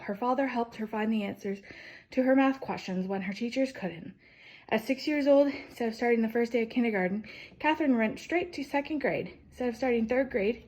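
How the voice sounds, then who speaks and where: With a voice on the high side, a woman storyteller reads aloud from a children's picture-book biography. Her phrasing is deliberate, each sentence opening with emphasis before its ending falls away softly.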